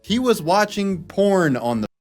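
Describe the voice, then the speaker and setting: A man giving scripted comedic narration in a wry, deadpan storytelling manner. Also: high-pitched, measured pace, soft background music. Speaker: video narrator.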